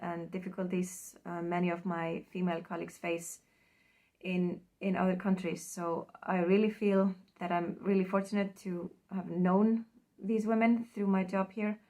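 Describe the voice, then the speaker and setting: A woman from Iceland with an Icelandic accent, giving a hesitant recorded acceptance speech full of pauses and ums, trailing off quietly at times. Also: fairly low pitch. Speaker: award recipient.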